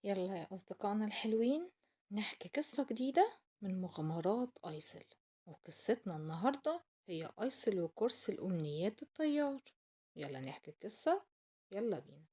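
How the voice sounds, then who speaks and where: A woman's voice: medium pitch, big pitch swings, brisk, mellow, slightly rough. A woman with an Egyptian accent hosting and telling stories to children in a playful way, asking them questions as she goes. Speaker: children's storyteller and host. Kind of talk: animated children's storytelling.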